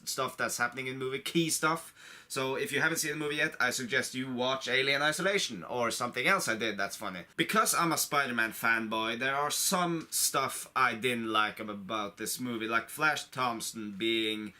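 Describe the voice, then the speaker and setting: In a pushed, bright, mid-range voice, a man still recovering from a cold reviews a film for his online video channel. Talking casually to camera with no script, he's an excited fan who wanders off track and says things twice.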